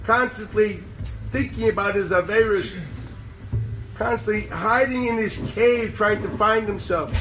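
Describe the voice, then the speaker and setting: High-voiced rabbi lecturing from afar. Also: male voice, unhurried, music in the background. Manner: animated, sarcastic, mixes Hebrew terms into speech. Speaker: rabbi teaching a class. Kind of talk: Torah lecture to a group. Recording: distant mic with loud background noise.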